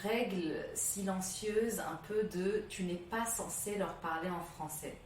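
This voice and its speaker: A woman from England who teaches English, talking in a relaxed podcast interview, emphatic and quick to repeat her key words. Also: mid-range voice, distant mic, slight background noise. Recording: roomy, from off the mic, faint ambience.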